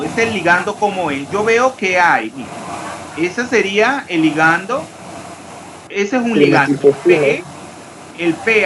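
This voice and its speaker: A man's voice: sits high, background noise. A man teaching a chemistry class, asking his students questions and spelling out formulas step by step. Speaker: chemistry lecturer. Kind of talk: online class lecture.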